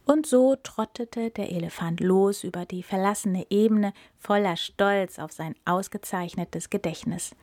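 Female storyteller; calm, expressive narration, dry and close. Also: medium pitch, measured pace, hardly any pauses, dry recording.

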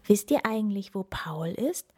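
A woman voicing a cheerful, excitable male hero in a children's story, speaking in a bright, exclaiming, chatty way. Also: medium pitch, normal speed, breathy edge.

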